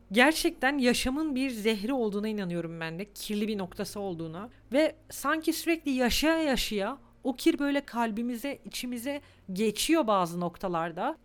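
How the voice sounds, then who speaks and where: High-voiced young woman musing on podcast. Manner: candid, confessional and emotional. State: on the verge of tears. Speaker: podcast host. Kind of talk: reflective solo podcast monologue.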